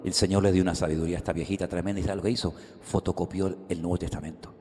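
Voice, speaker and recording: A man's voice: deep voice, very fast. Preacher man in an echoing hall. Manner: animated storytelling, acting out dialogue. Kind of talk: sermon. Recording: reverberant hall.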